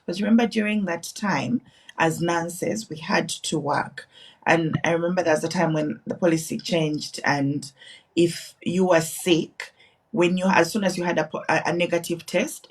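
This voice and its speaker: Speaking with a low voice picked up by a distant mic, a Ugandan woman in her thirties shares her story earnestly during an online live broadcast interview. She is a nurse and business owner, and she restarts and repeats as she talks.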